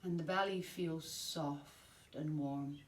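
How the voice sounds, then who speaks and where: A low-voiced woman teaches yoga nidra, offering calm, soothing guided-relaxation instructions at a measured pace with long pauses. The mic is distant in a roomy space, with faint background noise.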